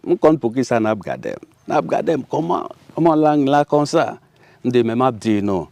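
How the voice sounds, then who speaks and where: A man from Haiti with a Haitian Creole accent, speaking as a guest in a casual interview, animated and laughing often. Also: medium pitch, moderate pace, vocal fry, dry recording.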